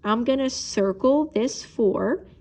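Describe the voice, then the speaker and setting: A woman's voice: a little high, slow pace, a little mellow. A woman teacher recording a math video lesson, talking patiently and explaining each step while she writes.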